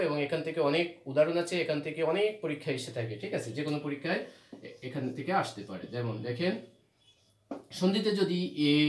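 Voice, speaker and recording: A man from Bangladesh teaching a grammar lesson, repeating rules and asking questions that he answers himself. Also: fairly high pitch. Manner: repetitive, asks questions then answers them. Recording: roomy echo.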